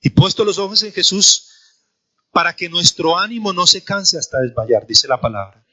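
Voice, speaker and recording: A man's voice: high-pitched, sing-song, moderate pace, pushed and bright. A man, a pastor preaching a sermon with an emphatic, repetitive cadence in church. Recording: dull lo-fi church recording.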